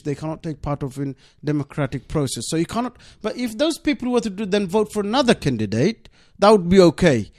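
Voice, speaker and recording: A deputy mayor whose first language is Bengali answers interview questions in a radio studio. His voice is high and a little mellow with no echo, and he speaks earnestly and insistently, leaning heavily on "obviously".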